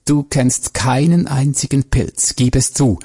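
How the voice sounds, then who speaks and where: A man reading the part of a betrayed wife who speaks in a quiet, cutting tone, his voice dark and husky. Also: medium pitch, fairly even intonation, a little slow. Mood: accusing. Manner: quiet, cutting, pressed through teeth. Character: betrayed wife, cold and vengeful.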